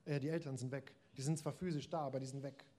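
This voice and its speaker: A man's voice: medium pitch, fairly even intonation, fast talker, warm tone. A man preaching a sermon in a conversational way, addressing his listeners directly.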